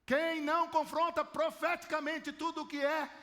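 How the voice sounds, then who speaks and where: A man's voice: very high-pitched, level tone, moderate pace, sharp tone. A Brazilian man preaching a sermon on a microphone, passionately acting out the voices in the stories he tells. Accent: Brazilian Portuguese. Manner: impassioned, acts out biblical voices. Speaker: pastor. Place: large church hall. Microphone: handheld microphone. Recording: long church hall reverb.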